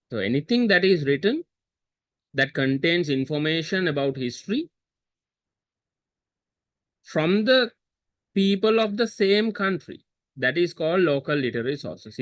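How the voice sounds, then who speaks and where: A man's voice: sits high, dry recording. A man teaching a history seminar over a video call, repeating key terms and quizzing students with chatty asides. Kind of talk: online seminar lesson. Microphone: computer mic on video call.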